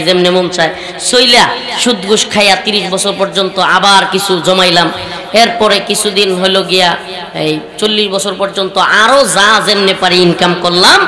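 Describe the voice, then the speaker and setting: A male preacher tells a mocking story that swings to loud outbursts. His voice carries through a roomy, echoing hall. A large crowd is audible behind him. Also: high voice. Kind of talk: sermon. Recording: echoey hall with crowd noise.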